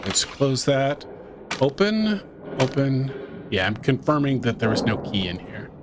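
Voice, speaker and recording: Man, gaming commentary, medium pitch, tense muttering, clear game ambience in the background. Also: moderate pace, noisy background. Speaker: gaming YouTuber. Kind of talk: let's-play commentary.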